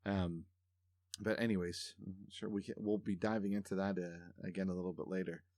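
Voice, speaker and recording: Deep-voiced man hosting a podcast. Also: flat delivery, brisk, darkish tone, dry recording, clean studio sound. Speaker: podcast host. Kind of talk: casual interview chat.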